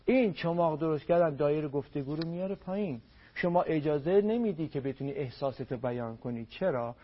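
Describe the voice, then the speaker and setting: A man's voice: a little high, lively intonation, husky. A man on a radio program as a family counselor, giving marriage advice in an emphatic way and repeating words for stress. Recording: dull lo-fi radio broadcast.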